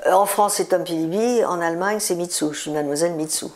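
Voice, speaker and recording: A woman's voice: lowish voice, quick pace, a little mellow. A woman in her seventies, a singer, telling stories in a chatty interview, repeating words for emphasis. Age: 70s. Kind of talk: relaxed interview storytelling.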